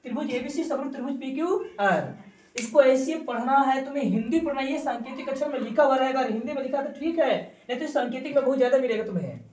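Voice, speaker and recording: A woman's voice: high voice, fast talker, a little mellow, slight background noise. A woman teaching a maths class, repeating key terms and quizzing her students. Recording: roomy classroom from a distance.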